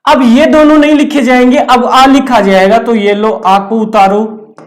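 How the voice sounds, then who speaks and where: A man gives a grammar lesson at an unhurried, deliberate pace. He works through each step, repeats himself and asks the class questions before he answers them. His voice rings in an echoey room. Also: very high voice, fairly even intonation. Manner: slow, step-by-step, repetitive explaining with questions to the class. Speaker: Hindi grammar teacher. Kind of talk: classroom lecture at a board.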